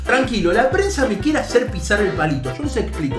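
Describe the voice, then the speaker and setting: A young man with an Argentine accent giving playful gameplay commentary, coaching his team and yelling at goals. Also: high-pitched, very animated, brisk. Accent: Argentine Spanish. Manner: playful, talks to players like a coach, yells at goals. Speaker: gaming youtuber. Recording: echoey room with music behind.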